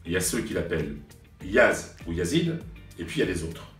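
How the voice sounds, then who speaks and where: A man's voice: sits low, big pitch swings, a little fast, a bit bright. A French man in his late forties, a sports journalist, recounting memories in a hesitant way with many fillers and restarts. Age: 40s. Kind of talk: reflective storytelling to camera. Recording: roomy sound from a distance, faint music.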